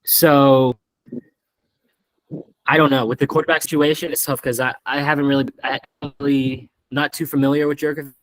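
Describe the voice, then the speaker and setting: A man's voice: medium pitch, little pitch movement, brisk, no room sound, rough recording. Man, sports chat host, choppy breaking-up call audio, rambling with fillers, dry sound. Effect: choppy call audio cutting in and out. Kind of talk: casual chat. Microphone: online call.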